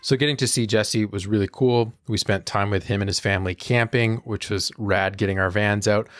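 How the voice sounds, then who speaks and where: Vlogger, male, 30s, low voice, relaxed upbeat voice-over, music bed behind. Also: moderate pace. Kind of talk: casual voice-over narration.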